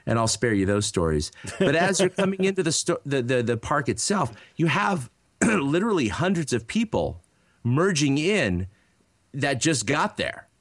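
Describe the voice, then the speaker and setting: A man's voice: medium pitch, big pitch swings, normal speed, no echo, clean studio sound. A man in his thirties co-hosting a podcast, telling a rambling story in a casual chat, full of fillers and restarts. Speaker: podcast co-host.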